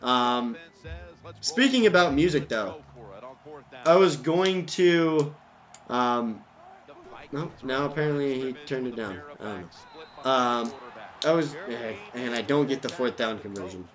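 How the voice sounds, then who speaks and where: A gameplay commentator recording at home rambles casually over a video game, with plenty of ums and tangents, while a neighbor's music plays nearby. His medium-pitched voice is animated yet slow, a bit bright, with long pauses, and the sound is lo-fi.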